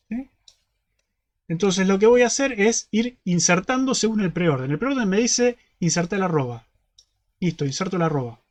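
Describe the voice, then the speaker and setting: A man with a fairly high voice and a Rioplatense Spanish accent, walking students through a problem in an online class. He goes step by step and keeps asking whether they follow. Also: a little mellow. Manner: step-by-step, constantly checking in with "¿sí?". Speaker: university teaching assistant.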